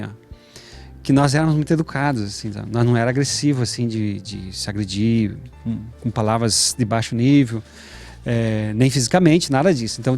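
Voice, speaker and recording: A man, giving an animated personal testimony as an interview guest and acting out quoted dialogue. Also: medium pitch.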